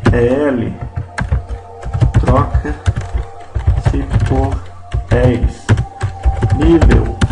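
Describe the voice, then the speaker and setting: A man teaching a Portuguese grammar lesson, speaking slowly and deliberately and often checking in with his listeners. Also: mid-range voice, reverberant, low-quality recording. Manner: slow and deliberate, checks in with "né?" and "não é isso?".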